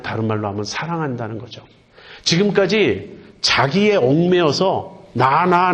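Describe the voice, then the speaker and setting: A male pastor preaching a sermon in an earnest way. He asks questions and answers them himself, and slows down to stress key words. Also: mid-range voice, muffled recording.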